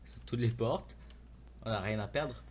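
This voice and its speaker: A man's voice: medium pitch, a little slow, darkish tone, highs cut off. A man chatting casually as he gives directions during a horror game, offhand and prone to swearing. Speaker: gaming companion giving directions. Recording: noisy home gaming recording.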